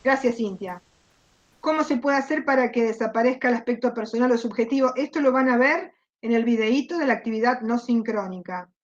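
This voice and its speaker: An Argentine woman gives a university lecture over a video call, laying out her points patiently and stopping to question the class. Her voice sits a little high, and the call audio sounds dull and lo-fi. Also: a little fast. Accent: Rioplatense Spanish. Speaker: university teacher. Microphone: computer mic on a video call.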